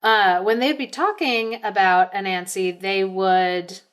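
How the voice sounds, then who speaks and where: A woman's voice: medium pitch, a little slow, fairly bright tone, clear, resonant tone. A woman co-hosting a podcast, chatting casually and searching for words as she explains. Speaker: podcast co-host. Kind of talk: casual chat.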